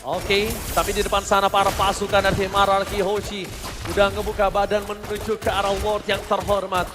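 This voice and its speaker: A man's voice: high-pitched, completely flat delivery. An Indonesian man giving emphatic, dramatic live play-by-play commentary on a mobile game match. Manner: emphatic, dramatic delivery with drawn-out calls. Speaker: esports commentator. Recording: echoey hall, loud music behind. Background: music.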